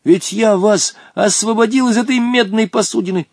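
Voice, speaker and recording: A man's voice: high voice, moderate pace, vocal fry, slightly rough, dry recording, clean studio sound, pitched above the performer's own voice, full character voice. A man voicing an indignant, nervous young boy in an audiobook, protesting and pleading.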